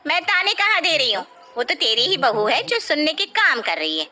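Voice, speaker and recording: Lady playing a nosy neighbour aunty in a cartoon, taunting, high bright voice. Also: very animated, normal speed, a little hiss or hum, full character voice. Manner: sharp-tongued and taunting. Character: nosy, taunting middle-aged neighbour woman.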